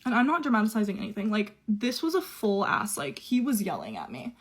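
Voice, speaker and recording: A woman's voice: medium pitch, huge pitch swings, brisk, slightly rough. A young woman telling a personal story in a casual, chatty way, full of "like" fillers. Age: young adult. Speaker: au pair telling her story.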